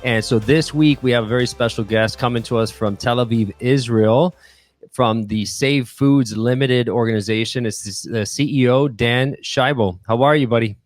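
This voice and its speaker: A man's voice: medium pitch, moderate pace, no echo, soft background music. Upbeat male podcast host, dry studio. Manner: upbeat, scripted show intro. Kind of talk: podcast interview hosting.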